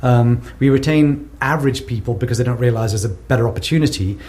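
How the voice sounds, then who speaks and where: This fast-talking South African man has a mid-range, darkish voice. As a guest researcher in a conversational podcast interview, he responds thoughtfully, often repeating words as he works toward a point.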